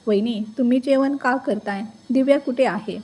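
A helpful visiting sister-in-law, as a woman storyteller plays her, asking with friendly concern in a slightly high, breathy voice. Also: moderate pace, mellow, poor audio.

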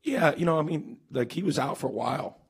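Speaking fairly quickly in a slightly high, slightly rough voice with lively intonation, a forties-aged basketball coach handles a postgame press conference. He sits at a stand-mounted table mic, answering in earnest bursts packed with fillers and false starts.

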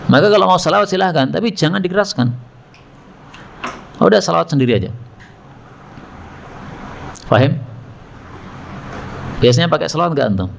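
A man's voice: a little high, moderate pace, creaky, pauses often, slight background noise. A man giving a religious study lecture, telling stories with animation, acting out quoted voices and questioning his listeners. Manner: animated storytelling, acts out quoted voices, asks the audience questions. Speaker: Islamic preacher.

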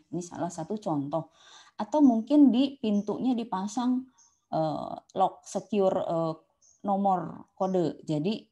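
A woman doctor giving an online seminar talk on caregiving. She explains in a lively way and drops in English terms. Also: medium pitch. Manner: lively, explanatory, acts out quoted speech, mixes in English terms.

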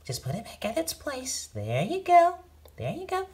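A woman's voice: sits high, wildly swooping pitch, normal speed, darkish tone, full character voice. A woman voicing a feisty young girl guard. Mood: playful. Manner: bouncy, shrieks when angry. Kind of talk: amateur toy-movie voice acting.

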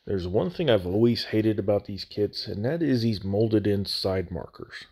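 Fairly low in pitch and animated, this man's voice has a darkish tone with a breathy edge, moving at normal speed. He hosts a scale model building channel and walks through a hobby tutorial in a relaxed, folksy, plain-spoken manner, recorded on a phone mic with a bit of echo.

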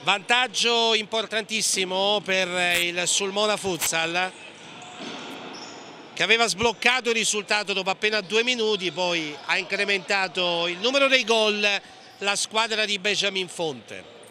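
High, bright male match commentator. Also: unhurried. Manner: clipped running play-by-play, naming players pass by pass, with hesitations. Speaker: sports commentator. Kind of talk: live futsal match commentary. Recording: gym ambience with clear background noise. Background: indoor sports hall sounds, bouncing ball.

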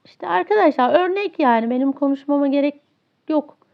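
A gaming streamer narrates her own online match live in a high, expressive voice with vocal fry, talking a little fast. She rants in exasperation about a teammate who refuses to play, and the audio is dull and lo-fi.

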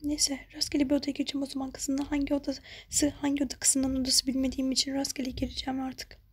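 A woman's voice: high voice, monotone, quick pace, darkish tone. A woman narrating her own role-play in a whisper, sounding nervous.

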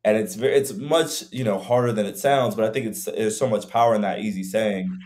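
Brisk and a little mellow, the lowish voice belongs to a young male fitness coach. Over a video call from a room in his home, he co-hosts a casual podcast, thinking out loud in a meandering, filler-heavy way.

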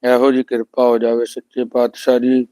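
A man teaching scripture line by line, chanting each verse slowly and then explaining it plainly, with notes on pronunciation. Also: mid-range voice, completely flat delivery, mellow, no room sound.

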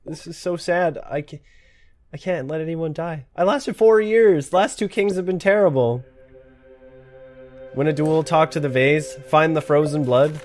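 A man's voice: fairly high pitch, measured pace, soft background music. A man commentating a game, reading its cards aloud and reacting with laughs and swearing. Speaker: gamer. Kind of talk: let's play commentary.

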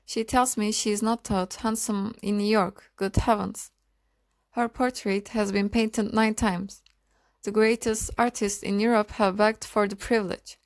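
A woman's voice: medium pitch, steady tone, measured pace, no room sound, lightly acted. A woman voicing an effusive older society aunt in an audiobook, reading her lines in a gushing, theatrical manner.

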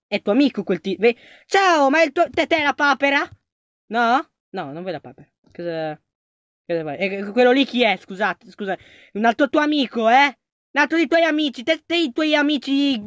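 A gaming video creator giving let's-play commentary, excitable and panicky, talking to the game characters and swinging between shouts and low mutters. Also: dry recording.

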